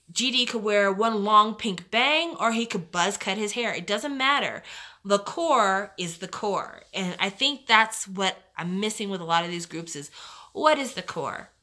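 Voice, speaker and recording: A woman's voice: mid-range voice, sharp tone. A young woman hosting a live stream, chatting casually and giving strong opinions with lots of fillers. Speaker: livestream host.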